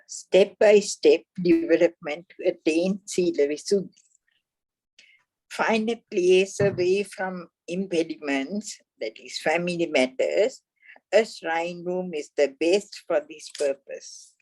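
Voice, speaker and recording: A woman reads Buddhist practice instructions at a very slow, careful pace. Her voice sits a little low, and the recording is dry and close. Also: a little mellow, no room sound, low-quality recording. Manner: slow, deliberate, measured reading. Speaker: Dhamma reader.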